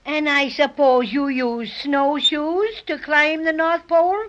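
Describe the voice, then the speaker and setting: An actor playing a small, bossy and brave teddy bear with a gruff, blustery manner, in 1930s radio drama acting. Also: sits high, fairly even intonation, slow, a bit bright. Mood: scornful. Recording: muffled old radio recording.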